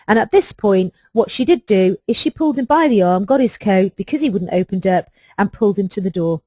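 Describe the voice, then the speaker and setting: A woman's voice: medium pitch, expressive, brisk, dark tone, no room sound. Earnest woman telling a case story. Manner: earnest, emphatic storytelling with rhetorical questions. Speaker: HR trainer presenting a webinar. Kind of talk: webinar talk recounting a workplace case.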